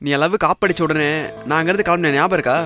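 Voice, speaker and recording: A man's voice: fairly high pitch, fast, natural voice. An actor playing a cheerful, teasing young man who backs his friend. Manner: teasing, easygoing, lively. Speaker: roommate and friend. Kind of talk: short film acting. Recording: music playing behind.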